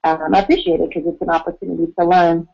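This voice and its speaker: A woman calling in to a radio show over the phone, speaking earnestly and at a measured pace with frequent ums. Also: on the low side, level tone, creaky, warm tone. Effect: heard over a phone line into a radio show. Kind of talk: call-in talk radio. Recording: dull lo-fi phone-line sound.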